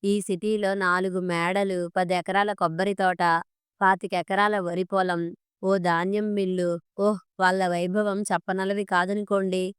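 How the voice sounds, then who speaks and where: A woman voicing a boastful middle-aged male marriage broker in a storybook reading, with flattering sales talk. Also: mid-range voice, measured pace, clear, resonant tone, dry recording, studio quality, natural voice.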